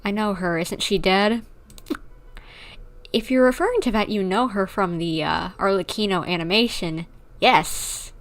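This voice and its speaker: A young woman with a medium-pitched voice livestreams a video game, chatting casually in a halting, rambling, informal manner.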